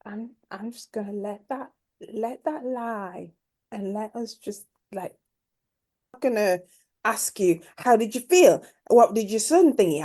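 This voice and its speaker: A woman interviewing in a reflective conversational style, speaking in halting phrases and repeating words for emphasis. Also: mid-range voice, mellow. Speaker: podcast interviewer.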